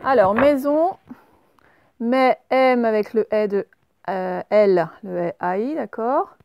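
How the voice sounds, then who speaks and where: Slow, patient schoolteacher woman. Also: medium pitch, vocal fry, darkish tone, smooth, no room sound. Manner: slow, spells out letters step by step. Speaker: primary school teacher. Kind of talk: remote handwriting and dictation lesson.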